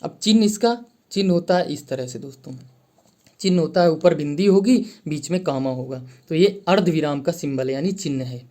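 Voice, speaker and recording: A man teaching a grammar lesson who often repeats key phrases, calls his viewers friends and slows down to read out example sentences. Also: a little high, a little mellow.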